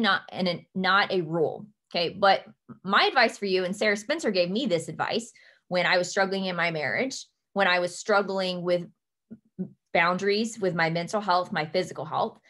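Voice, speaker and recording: An earnest young woman speaks to her team over a computer webcam from a home office. Her voice sits at a middle pitch, and she gets emphatic, slowing right down to stress her key points. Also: a bit bright. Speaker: team leader. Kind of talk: motivational coaching talk.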